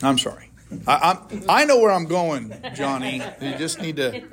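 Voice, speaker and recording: A man with a slightly high, expressive voice at normal speed runs an informal Bible study in a church classroom. As a pastor, he chats with his group, throwing out questions and then answering them himself.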